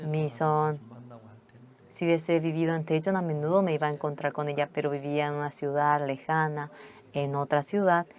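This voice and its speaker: A woman interpreting a pastor's sermon, telling a testimony in a measured storytelling way. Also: deep voice, little pitch movement, darkish tone. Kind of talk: sermon testimony in Spanish voice-over.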